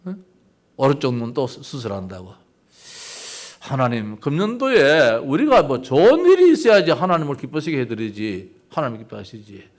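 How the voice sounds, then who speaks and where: Speaking at medium pitch, an older pastor delivers a sermon in a conversational style, posing rhetorical questions to his congregation.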